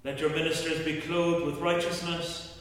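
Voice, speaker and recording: A man recites the creed and prayers in a steady, measured cadence. His slightly high voice carries from a distance across a large stone church. The cathedral echo hangs long after every phrase. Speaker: service leader. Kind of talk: liturgical recitation. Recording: echoey church from far off.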